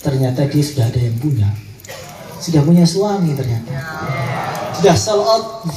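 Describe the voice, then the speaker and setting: A man's voice: fairly high pitch, lively intonation, normal speed, warm tone. A male preacher telling a story in a sermon, playful and quizzing his audience. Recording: echoey hall, mic far off, faint hiss.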